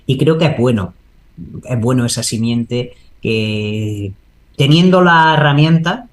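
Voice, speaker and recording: A local man who speaks the Holy Week proclamation answers a spontaneous interview earnestly and discursively, often adding tag questions to seek agreement. His voice is medium-pitched and slow. There is noticeable background noise.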